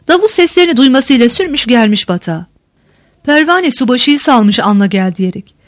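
A boastful male frontier warrior boasts heartily of his exploits, as a woman reads him aloud. The voice sits somewhat high and sounds dry and close. The story is read at an easy pace. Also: no echo, natural voice. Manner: swaggering, talkative.

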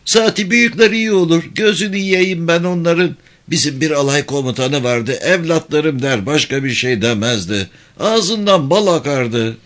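A man's voice: moderate pace, fairly bright tone, natural voice. A man voicing a chatty soldier who praises a fatherly commander in a storybook reading. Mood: admiring. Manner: chatty, high-pitched. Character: chatty admiring old-timer soldier.

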